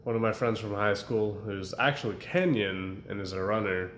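A man's voice: lowish voice, moderate pace, fairly bright tone. A young man chatting casually as a podcast co-host, rambling through stories and laughing often. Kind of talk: casual chat. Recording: echoey room with faint ambient noise.

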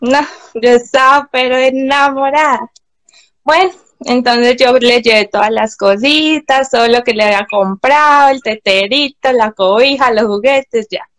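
Lively woman telling a story. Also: a little high, a little slow, no room sound. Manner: animated, acts out voices of others in anecdotes. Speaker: guest. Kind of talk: casual storytelling. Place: home.

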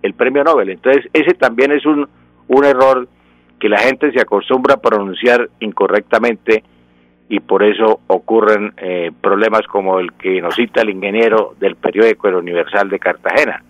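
A man's voice: lowish voice, normal speed, no room sound, poor audio. Colombian male language professor, radio guest, patient teaching tone, dry close mic. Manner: didactic, gives examples, frequent self-corrections. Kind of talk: explaining on a radio talk show.

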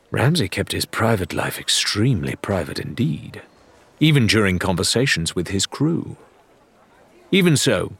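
Low husky man narrating a story. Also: fairly bright tone. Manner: measured, storytelling delivery. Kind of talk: scripted audiobook narration.

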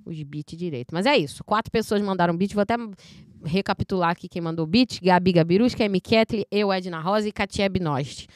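Woman podcast host, rapid and bubbly, dry close studio mic. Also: fairly low pitch, no echo. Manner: fast, excitable, laughs often. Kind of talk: casual chat.

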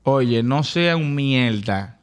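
A man's voice: mid-range voice, lively intonation, slow, clean tone. A young man with a Dominican Spanish accent, ribbing his friends in crude, teasing podcast banter. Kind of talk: casual chat.

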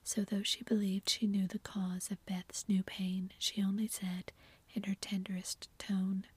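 Woman narrator, airy whispered storybook reading, steady and flat. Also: medium pitch, unhurried, husky, no room sound. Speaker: reader.

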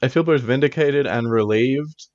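A man's voice: mid-range voice, moderate pace, darkish tone, dull audio, slight background noise. A man co-hosting a podcast, chatting casually about a TV show with wry, jokey asides. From Australia. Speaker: podcast co-host. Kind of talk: casual chat recapping a TV show.

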